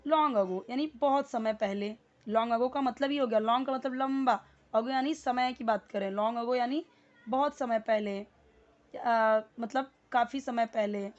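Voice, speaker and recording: Woman tutor, slightly high voice, patient and repetitive, dull lo-fi recording. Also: measured pace. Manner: patient, repeats words, many fillers. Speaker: English teacher. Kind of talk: Hindi English lesson, explaining word by word.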